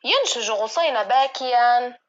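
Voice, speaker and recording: Woman narrator, steady school-play reading, high voice, dull recording. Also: unhurried.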